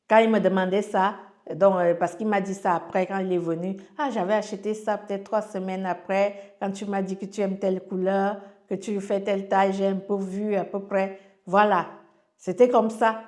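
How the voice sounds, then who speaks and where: Her voice sits in the mid range as this Cameroonian woman, with a Cameroonian French accent, shares her own testimony. The storytelling is casual, dotted with fillers and restarts while she passes on what people said to her.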